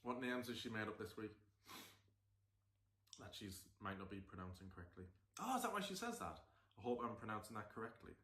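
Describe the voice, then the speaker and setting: A man hosting a reaction channel, mocking a clip with sarcastic asides and sudden shouts. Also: on the low side, sing-song, fairly quick, long pauses. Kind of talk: reaction commentary. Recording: roomy echo.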